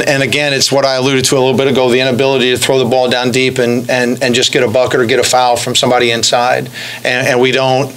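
Subdued middle-aged man, flat delivery. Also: medium pitch, low-quality recording. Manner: halting, many restarts and fillers, measured and subdued. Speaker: head basketball coach. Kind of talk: post-game press conference. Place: press room in front of a backdrop. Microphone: stand mic at the podium.

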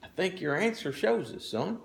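A middle-aged man preaching a sermon in a folksy, conversational way, with many asides and frequent throat-clearing. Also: high-pitched, very animated, normal speed, a crowd in the background. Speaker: pastor.

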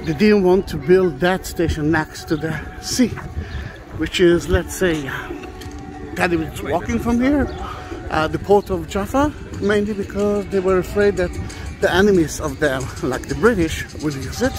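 Over music, a high-pitched middle-aged man from Israel speaks at a measured pace while giving an unscripted walking tour for his vlog. He's outdoors on the plaza of an old train station, holding a phone or camera as he walks, and his delivery is hesitant, full of fillers and repeated restarts.

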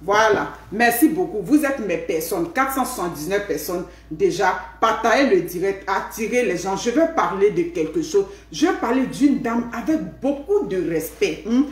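A woman's voice: mid-range voice, normal speed, few pauses. Chatty Ivorian woman on a live stream. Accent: Ivorian French. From Ivory Coast. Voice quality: lively, punctuated by questioning "hmm?". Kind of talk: casual live chat. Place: home room. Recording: echoey room.

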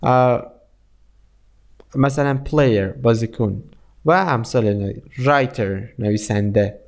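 Gravelly-voiced man teaching English slowly. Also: medium pitch. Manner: explains in Persian, reads English text very slowly. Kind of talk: language lesson.

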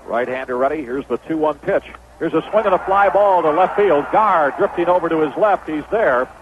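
Through dull, noisy old AM radio, an American man announces baseball play-by-play in 1970s style. His voice sits on the high side and runs a little fast.

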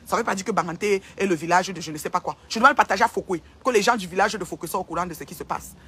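Woman, sharp bright tone, a bit raspy, heated livestream rant, hammers phrases again and again. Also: on the low side, racing. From Cameroon. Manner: confrontational, repeats phrases for emphasis. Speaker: online commentator.

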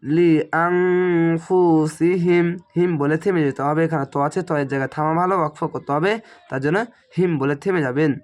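A man with a slightly high voice and a slightly strained throat talks fast as he teaches Quran reading. He spells out Arabic syllables one at a time and draws out the recited words.

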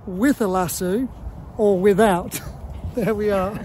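Calm middle-aged male horse trainer outdoors. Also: sits high, slow, a little hiss or hum, low-quality recording. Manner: calm, steady running commentary. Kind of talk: explaining while working. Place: outdoors at a farm and in a wooden stable.

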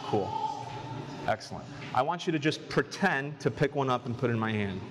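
A man in his twenties works as a close-up street magician, chatting casually as he explains and performs, mixing interview talk with performance patter. His voice is expressive, a little fast and slightly bright. Music plays underneath, along with the rumble of a subway train.

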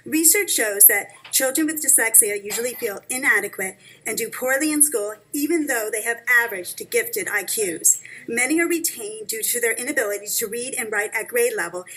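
Breathy woman reading an urgent plea. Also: fairly high pitch, lively intonation, normal speed, bright, forceful tone, low-quality recording. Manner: earnest, urgent advocacy. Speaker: parent speaking at public comment. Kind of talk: reading a prepared statement. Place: school board meeting hall, seated at a table. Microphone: table microphone.

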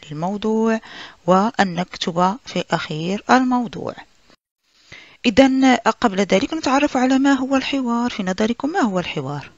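A woman teacher leading a recorded online lesson, speaking slowly and carefully in an instructive way. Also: mid-range voice, dry recording, lo-fi sound. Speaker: primary school teacher.

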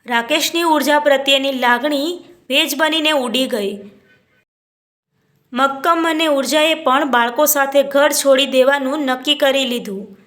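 A woman with a high voice tells a story as a storyteller. She reads it as scripted narration. She speaks every character's lines in her own voice without putting on voices. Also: unhurried, a bit bright.

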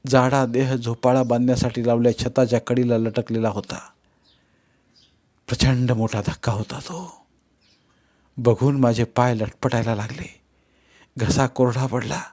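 Man reading a grave novel aloud. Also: mid-range voice. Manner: expressive, grave storytelling. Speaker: audiobook narrator. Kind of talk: dramatic first-person novel reading.

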